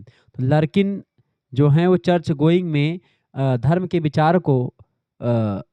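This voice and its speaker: A male teacher with a slightly high voice delivers an exam-prep lecture in dry, lo-fi sound with no room ambience. He reads questions slowly, then explains them in quick Hindi, repeating himself and addressing students directly.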